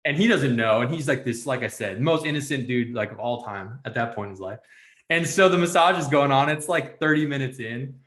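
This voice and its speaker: A man hosts a podcast, spinning a casual story with lots of "like" and "you know" fillers. His voice sits at a middling pitch. The room around him rings with noticeable echo. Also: a little fast, fairly bright tone. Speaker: podcast host.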